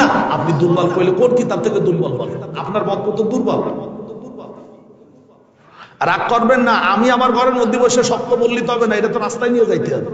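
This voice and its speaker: A man preaching with a Bangladeshi Bengali accent, his fairly high voice ringing through a roomy space with a long echo. He drives his points home by repeating words and asking the listeners whether they understand. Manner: emphatic, asks the audience questions, repeats key words. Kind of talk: sermon at a religious gathering. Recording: echoey hall with long reverb.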